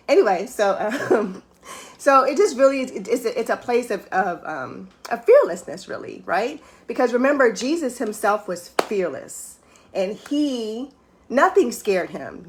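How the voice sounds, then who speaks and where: A middle-aged woman, a life coach, giving an earnest, emotional faith-based motivational talk and acting out her inner thoughts in higher voices. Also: sing-song, measured pace. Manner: earnest and emotional, voice breaking at times.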